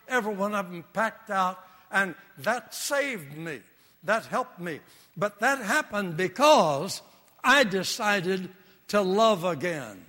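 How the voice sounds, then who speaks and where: A man's voice: sits high, pushed and bright. An older man preaching a fervent sermon, repeating phrases for emphasis, in a hall with long reverb.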